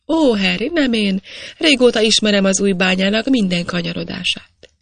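Shy young mine girl played by the audiobook reader; halting and unsure, gravelly texture, dry recording. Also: mid-range voice, a bit bright, no room sound. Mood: tremulous. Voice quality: hesitant, halting.

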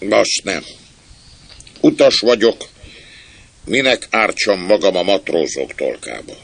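A man's voice: deep voice, very animated, gravelly, voice pushed up, exaggerated voice. A man voicing a surly, cagey old sea captain who talks in short, grumbling lines. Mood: gruff. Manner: curt, grumbling.

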